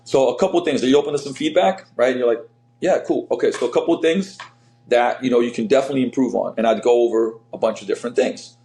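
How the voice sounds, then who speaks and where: A man's voice: mid-range voice, fast talker, mellow. A middle-aged man from Slovenia, a fitness coach talking energetically in a casual interview, with lots of fillers and restarts. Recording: roomy echo.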